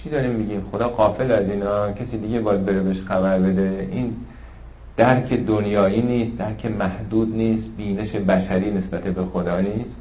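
A man's voice: lowish voice, steady tone. Fervent male preacher with a roomy echo. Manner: shifts between fervent raised passages and hushed asides, slowly intoning scripture. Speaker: religious lecturer. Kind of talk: sermon.

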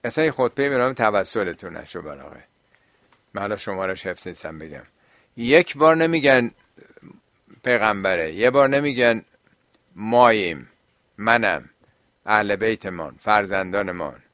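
Low-voiced man explaining, dry sound. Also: expressive, long pauses, a bit bright, no room sound. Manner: explanatory, rhetorical questions. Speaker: religious teacher answering questions. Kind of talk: question-and-answer talk on religion.

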